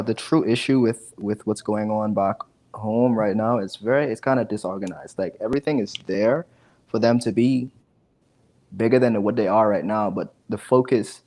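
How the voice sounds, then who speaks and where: On an earphone headset at home, a digital marketing specialist in his 20s from the Bahamas chats casually as an interview guest, repeating words often. His voice is on the low side, with a darkish tone.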